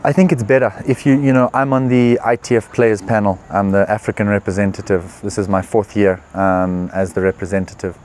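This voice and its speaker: A man's voice: on the low side, brisk, hardly any pauses. Man in his twenties, earnest. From Zimbabwe. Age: 20s. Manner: relaxed, earnest, with frequent "uh" and "you know" fillers. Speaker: professional tennis player. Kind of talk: interview answers. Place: tournament venue.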